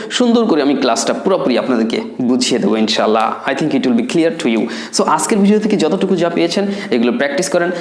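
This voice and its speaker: A man's voice: a little high, reverberant. A man in his thirties from Bangladesh teaching a spoken English lesson, explaining with chatty asides and questions to the viewers. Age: 30s.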